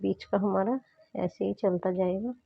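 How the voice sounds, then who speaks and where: A woman's voice: mid-range voice, fairly even intonation, measured pace, creaky, breathy edge, dry recording. Female crochet tutor, sore throat, patient step-by-step teaching; narrow phone-like audio, dry. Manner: patient, repeats "dekhiye" while demonstrating. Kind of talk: step-by-step craft instruction. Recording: tinny phone-like sound.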